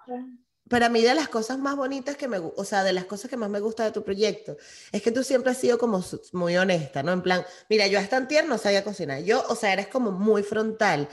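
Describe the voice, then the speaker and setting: A woman's voice: mid-range voice, animated, a little fast. Venezuelan woman hosting, mid voice, laughs a lot, keeps saying claro. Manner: warm, affirming, laughs often. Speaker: podcast host. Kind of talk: casual interview chat.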